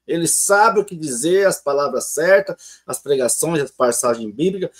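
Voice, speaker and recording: A man's voice: on the high side, animated, moderate pace, a little hiss or hum. A man hosting his channel, commenting on a testimony in a conversational way with emphatic asides. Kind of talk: video commentary.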